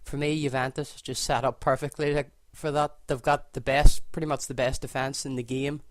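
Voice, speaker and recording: In casual gameplay commentary, a man from Northern Ireland thinks aloud while setting up a football game, relaxed and frequently fixing his words mid-sentence. He speaks a little fast at medium pitch, with no room sound.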